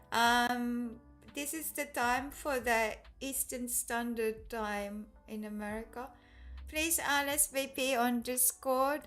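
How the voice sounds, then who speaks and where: A woman's voice: sits high, fairly bright tone. A woman teaching Japanese in a live online class. She speaks English with a Japanese accent and switches between the two languages as she reads chat comments aloud.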